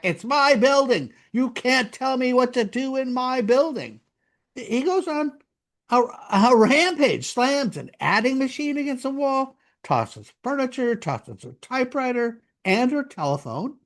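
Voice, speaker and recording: Slow, wry true-crime narrator, a man. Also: high-pitched. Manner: wry, conversational asides to the listener.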